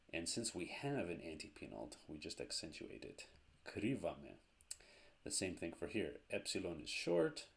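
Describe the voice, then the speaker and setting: A man teaching a language lesson, explaining grammar step by step in a slow, methodical way. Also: low voice, gravelly.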